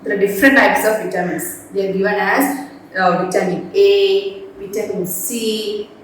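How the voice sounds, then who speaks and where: A woman's voice: mid-range voice, fairly even intonation, normal speed, a little hiss or hum. A woman teaching a class at a board, repeating her points and quizzing the students. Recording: echoey room voice from far off.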